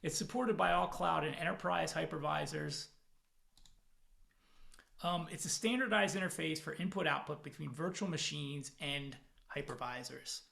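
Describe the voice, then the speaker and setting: A man with a creaky, higher-pitched voice speaks at normal speed as a product manager presenting at a technical conference. He's on a video call from home in the evening, easygoing and quick to poke fun at himself, with plenty of fillers.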